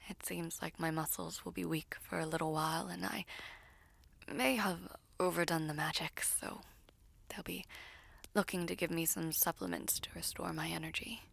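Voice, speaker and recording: A woman plays a young sorceress villainess worn down by guilt in an intimate audio roleplay, her words coming haltingly in breathy, half-whispered softness. Her voice is low, steady, and exaggerated, the mood weary and hesitant.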